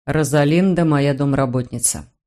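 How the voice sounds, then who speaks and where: A woman voicing a calm, understanding man, a father, speaking evenly. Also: rumbling low, normal speed, pitched below the performer's own voice.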